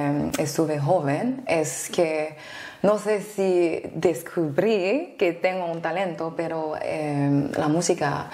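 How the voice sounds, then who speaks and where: Young female singer from Congo, low voice, unhurried, soft-spoken, roomy echo. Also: gravelly. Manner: soft-spoken, hesitant, many fillers. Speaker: singer, interview guest. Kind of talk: interview answers. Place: small indoor studio, seated.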